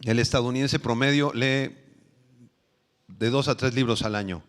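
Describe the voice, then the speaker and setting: A Mexican pastor giving an animated sermon in a church, swinging from loud questions to hushed tones, with reverb from the hall. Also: male voice, medium pitch, normal speed. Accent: Mexican Spanish. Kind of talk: evangelical sermon.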